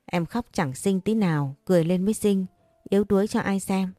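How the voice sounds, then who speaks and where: A woman's voice: medium pitch, a little fast, mellow, no room sound, studio quality, soft background music, close to an everyday voice. A woman voicing a caring but pushy young man who scolds and coaxes a crying friend. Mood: coaxing. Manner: scolding yet tender, coaxing. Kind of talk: audiobook character reading.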